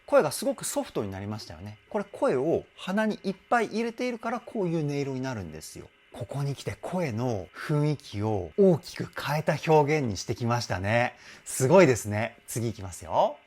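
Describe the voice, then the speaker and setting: Man, vocal coach, animated enthusiastic explaining, lively pitch, faint music behind. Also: a little fast, hardly any pauses. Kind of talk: song reaction and vocal analysis. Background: faint music from the song being analyzed.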